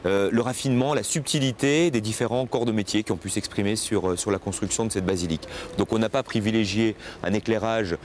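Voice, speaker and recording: A man's voice: lowish voice, brisk, hardly any pauses, a little hiss or hum. A man interviewed outdoors, explaining a lighting design with many hesitations.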